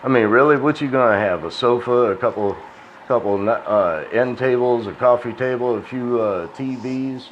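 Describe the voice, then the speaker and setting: Sounding weary and dry-mouthed, a man who hosts crypto videos delivers a rambling monologue that's casual, folksy, and full of profanity. His voice is mid-range and moves at a moderate pace, captured in dull lo-fi audio with faint hiss.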